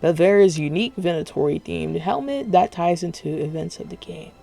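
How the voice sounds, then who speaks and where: A man's voice: fairly high pitch, a little fast, vocal fry, warm tone, faint music behind. A man streaming casual reaction commentary, rambling and profane, talking with dental retainers in late at night. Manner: rambling, profane, self-interrupting.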